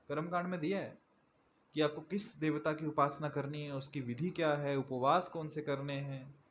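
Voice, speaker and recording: Man with a higher voice giving a conversational sermon. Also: slight background noise. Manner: conversational, asks the audience questions. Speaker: preacher.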